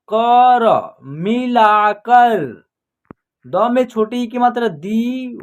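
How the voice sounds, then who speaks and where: Online reading teacher; patient, letter-by-letter spelling, slow drawn-out words, very measured pace. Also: mid-range voice, clear, resonant tone, highs cut off. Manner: spells words out letter by letter, then says the whole word slowly and drawn out; patient, repeats each sentence in pieces. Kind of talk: online lesson for beginners.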